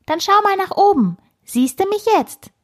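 A woman voicing a cheeky little male squirrel with a squeaky, piping voice, teasing and lecturing in a storybook. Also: sing-song, moderate pace. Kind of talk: storybook narration.

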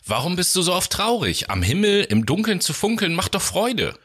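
Man putting on chirpy heavenly angels, breezy, dismissive, high bright voices, storybook reading. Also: big pitch swings, normal speed, husky, heavily acted. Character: carefree group of angel companions.

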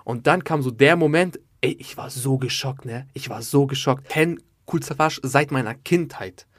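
A man in his twenties telling a comic story in an animated, slangy way, packed with filler tags. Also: medium pitch, normal speed, no room sound, studio quality. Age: 20s. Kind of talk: comedic storytelling to an audience.

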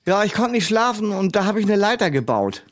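A man's voice: sits high, big pitch swings, a little fast. A man in a scripted comedy sketch, talking in a smug, scoffing know-it-all way.

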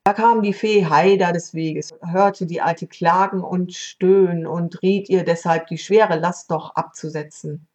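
Calm woman reading a fable. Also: fairly low pitch, measured pace, hardly any pauses. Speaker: podcast host and storyteller. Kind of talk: storybook narration. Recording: dull lo-fi recording.

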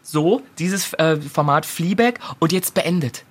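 A woman co-hosting a casual talk, retelling a series with quick quoted asides and lots of fillers. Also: low-pitched, expressive, slightly rough. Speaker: podcast co-host recommending a series. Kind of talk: casual chat.

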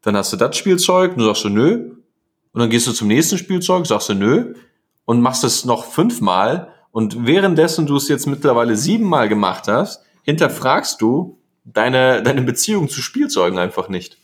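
A man's voice: mid-range voice, sing-song, moderate pace, hardly any pauses. A man co-hosting a casual coaching chat, reflective and asking probing questions. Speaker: podcast co-host.

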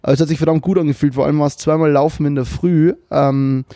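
Fast-talking and fairly high-pitched, a young man co-hosts a casual podcast from his computer over a webcam call. His tone is steady and warm, and his speech is loose, with slang, swearing and English mixed in. The audio is studio quality with no room sound.

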